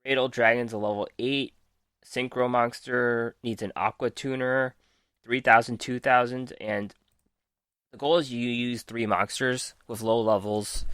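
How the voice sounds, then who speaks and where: A man's voice: medium pitch, a bit bright, clear, resonant tone, no echo, clean studio sound. A man hosting a podcast, methodically reading out card text and reviewing it with frequent ums while losing his voice. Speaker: podcast host. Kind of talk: casual card game review.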